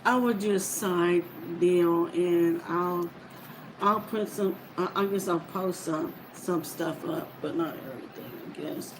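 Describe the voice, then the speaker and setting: Her voice is fairly low and unhurried, set against a noisy background. A reader of books for listeners, she rambles informally to viewers, drifting from point to point and frequently leaving thoughts unfinished.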